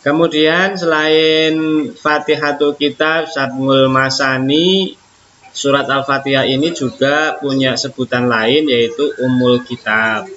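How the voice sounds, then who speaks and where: A man teaching an online religious lesson, explaining slowly with an Indonesian accent and reciting verses in a drawn-out way. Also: medium pitch, fairly even intonation, fairly bright tone. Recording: dull lo-fi audio, faint noise.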